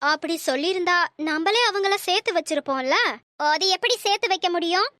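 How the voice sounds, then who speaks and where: A woman's voice: very high voice, a little fast, fairly bright tone, dry recording, studio quality. Woman voicing a nosy cartoon sister-in-law. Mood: arguing. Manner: nosy, argumentative. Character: gossiping middle-aged sister-in-law. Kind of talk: cartoon voice acting.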